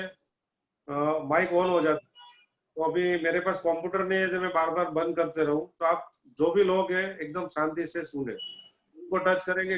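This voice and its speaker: A man's voice: high voice, fairly bright tone, roomy sound. A man on a video call greeting the group and giving practical instructions before telling a story. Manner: informal, gives practical instructions. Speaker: group member. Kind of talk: casual talk to a group.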